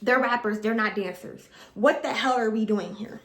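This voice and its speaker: A woman's voice: fairly high pitch, moderate pace, a bit bright, reverberant. A young woman, ranting bluntly and profanely as she reacts to a reality TV show. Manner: blunt, profane, exasperated, repeats herself. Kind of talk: casual ranting commentary.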